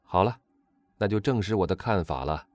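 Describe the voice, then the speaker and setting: Man voicing a calm, sensible young gentleman. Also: low-pitched, no room sound. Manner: calm measured reasoning.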